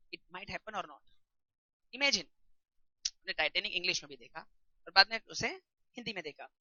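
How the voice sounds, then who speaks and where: A man lectures a class in a chatty, questioning way. His voice is very bright and sharp. The sound is dry and dull, like a lo-fi recording. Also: high voice, no echo. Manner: conversational, asks the class questions. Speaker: teacher.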